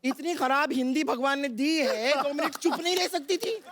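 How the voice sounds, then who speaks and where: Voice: sits high, fairly bright tone. A sassy, bickering sister. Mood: quarrelsome. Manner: sarcastic, quick comebacks. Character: sassy quarrelsome younger sister, a nurse. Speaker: sketch character. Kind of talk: studio sitcom sketch acting.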